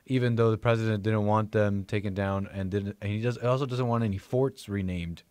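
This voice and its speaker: A man's voice: fairly low pitch, steady tone, brisk, a little mellow, clear, resonant tone, no echo. A man chatting on a talk show panel, offering rambling, hedging commentary. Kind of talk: casual talk show chat.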